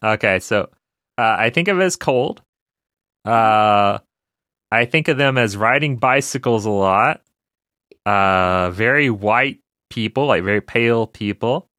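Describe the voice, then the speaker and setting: An easygoing man co-hosting a casual podcast. His voice is bright and forceful, and it is recorded dry and close. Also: lowish voice, expressive, a little slow, no room sound. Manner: easygoing, laughs often. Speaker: podcast co-host. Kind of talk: casual chat.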